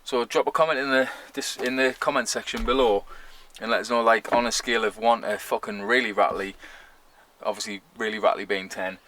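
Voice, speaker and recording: A man's voice on the low side, bright and forceful, keeps a steady tone and moves a little fast. He's a Sunderland camper van vlogger with a moderate Mackem accent, chatting casually about DIY in a blunt, colloquial, sweary manner, from north-east England.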